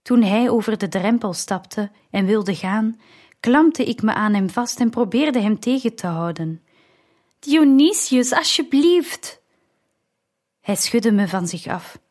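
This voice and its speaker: Woman narrating an audiobook, slow and measured, mid-pitched voice. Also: darkish tone. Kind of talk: scripted narration.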